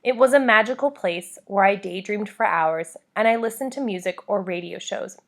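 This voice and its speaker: A woman reading a scripted memoir aloud as narration, phrasing it deliberately in short, measured groups of words. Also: mid-range voice. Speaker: audiobook-style reader of a memoir.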